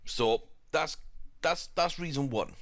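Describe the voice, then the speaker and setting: A young gaming YouTuber from South Wales, with a South Welsh accent, chats casually while playing a football management game, full of fillers and restarts. His voice is a little high and his pace is slow. There is no room sound.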